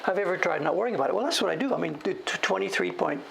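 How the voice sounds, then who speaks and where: A woodblock print carver chats casually on his livestream while carving, rambling, self-deprecating and chuckling through a story. His voice is high-pitched, animated and racing, creaky and a bit bright, with a little hiss or hum in the audio.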